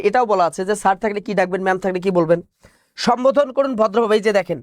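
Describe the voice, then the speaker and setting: A man's voice: high voice, dry recording, clean studio sound. A male teacher giving an online exam-prep class, explaining point by point, repeating key phrases and answering his own questions.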